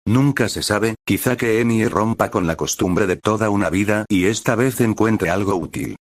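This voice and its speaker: A rude, impatient young trainer girl, put on by a man reading a storybook, snapping and sneering at her companions. The voice stays very low and scornful. It sits close and dry, with no room around it. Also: moderate pace, no room sound. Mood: irritated.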